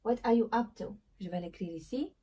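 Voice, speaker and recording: A woman teaching English pronunciation in French, checking in with "ok?" and "voilà", and slowing down to model English phrases. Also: medium pitch, dark tone, husky. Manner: switches between French explanation and English examples, frequent "ok?" and "voilà"; slow, drawn-out model pronunciations. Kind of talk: language lesson.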